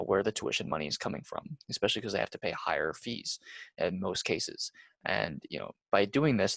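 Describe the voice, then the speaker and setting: Gravelly young male podcast host. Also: lowish voice, dry recording. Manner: earnest, full of "you know" restarts. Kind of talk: casual podcast chat.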